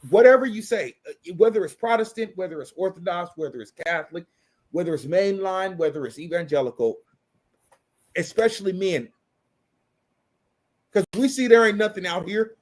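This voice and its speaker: A man with a fairly high-pitched voice holds forth in an impassioned opinion rant. He is blunt and swears freely, hammering his point home by repeating phrases. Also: expressive, moderate pace, long pauses. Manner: blunt, profane, emphatic repetition.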